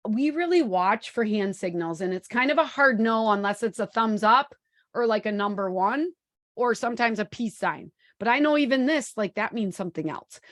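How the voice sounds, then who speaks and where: A woman's voice: on the high side, no echo. Chatty 40-something woman teaching a webinar, lots of ums, dry close sound on a laptop mic. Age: 40s. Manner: upbeat, chatty, many fillers. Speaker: webinar presenter. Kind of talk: live webinar presentation.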